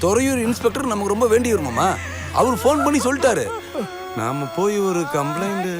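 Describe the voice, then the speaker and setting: Take-charge brother, high and brisk, music in the background. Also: male voice, big pitch swings. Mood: reassuring. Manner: reassuring, brisk, takes charge. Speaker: brother-in-law of the father. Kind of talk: film drama acting.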